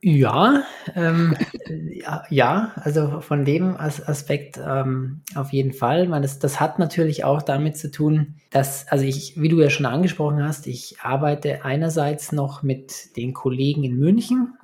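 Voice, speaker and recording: A man's voice: a little high, a little slow, hardly any pauses, a little mellow. A man in his forties from Munich answering as a podcast guest in casual talk, hesitant and repeating words as he searches for phrasing. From Munich, Germany. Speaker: podcast guest, business consultant and coach.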